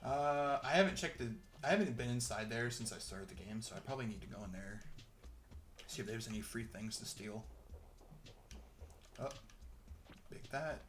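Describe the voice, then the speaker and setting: A man's voice: mid-range voice, lively intonation, normal speed, long pauses. A young man giving rambling, chatty let's-play commentary while he plays, chuckling often. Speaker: gameplay commentator.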